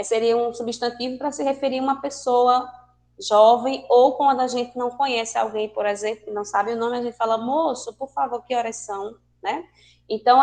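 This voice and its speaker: A Spanish teacher with a Brazilian Portuguese accent leads an online class, her voice on the high side with a darkish tone. She explains the language lesson patiently and poses questions to her students.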